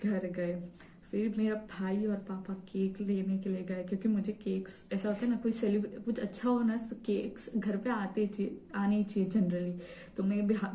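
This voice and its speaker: A woman's voice: medium pitch, warm tone, distant mic, slight background noise. A young woman telling her own story to camera in a casual, eager way, with many fillers. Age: young adult. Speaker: vlogger sharing her exam story. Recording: roomy echo, set back from the mic.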